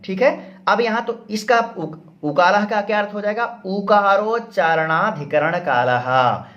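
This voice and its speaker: Slow, high-voiced man teaching grammar. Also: fairly bright tone, dull audio. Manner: repeats terms slowly, asks and answers his own questions. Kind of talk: explanatory grammar lesson.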